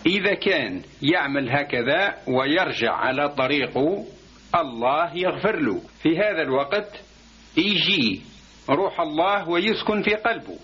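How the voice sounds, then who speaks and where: Husky Algerian man telling a religious story. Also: a little high, animated, normal speed, a bit bright. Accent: Algerian Arabic. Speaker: narrator. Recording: dull lo-fi recording.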